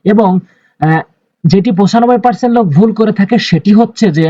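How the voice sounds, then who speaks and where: A man teaching Quran recitation, slowly spelling out letters and drawing out the vowels, often repeating his instructions. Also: high voice, mellow, dry recording, muffled recording. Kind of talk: Quran reading lesson.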